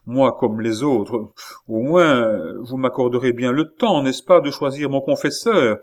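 A man's voice: medium pitch, unhurried, voice pushed up, natural voice. A man voicing a flirtatious aging French countess, pleading and theatrical in an audiobook. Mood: indignant. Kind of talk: audiobook character voice.

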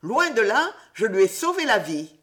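Woman doing an honest schoolboy, earnest and indignant, higher voice. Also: very animated, moderate pace, a bit bright. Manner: earnest, protesting.

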